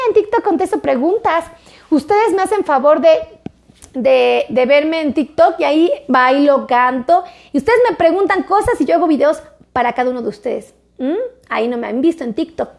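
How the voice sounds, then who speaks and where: A doctor making health videos speaks to camera in a high, creaky, slightly mellow voice. Her casual health talk is chatty and repetitive, coaxing her viewers along.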